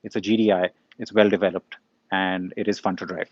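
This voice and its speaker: A man's voice: low voice, little pitch movement, a little fast, no room sound, muffled recording. A middle-aged man, answering viewers' questions in a live session, conversational with frequent ums and uhs. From India. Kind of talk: live Q&A, casual explanation.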